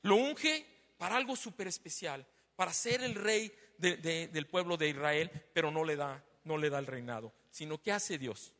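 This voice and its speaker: A man preaches to his congregation in a high, bright voice, checking in with them constantly as he talks. His words go out through a microphone into a church hall with a long reverb. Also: normal speed. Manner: conversational, asks the congregation many tag questions; loud and emphatic, then lowers his voice after being told he is shouting. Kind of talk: sermon. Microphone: handheld or stand microphone.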